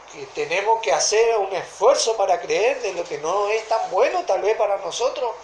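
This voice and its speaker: A woman's voice: medium pitch, slight background noise. Argentine woman preaching in an echoey room. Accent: Rioplatense Argentine. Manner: deliberate, repeatedly checking that listeners follow. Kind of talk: sermon.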